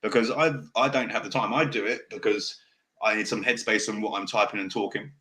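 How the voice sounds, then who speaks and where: A man's voice: on the low side, steady tone, pushed and bright. Rambling man who says w for r. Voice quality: can't pronounce R's properly, saying w for r. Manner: fast, direct, passionate delivery that can sound angry; rambling, loses his thread and restarts. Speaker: podcast host. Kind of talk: off-the-cuff casual monologue.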